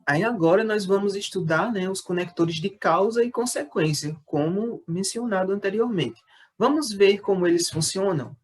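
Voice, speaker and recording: A male teacher with a high-pitched voice gives a recorded lesson to sixth graders. He explains things patiently, checks in often with the class, and slows down to read his example sentences aloud.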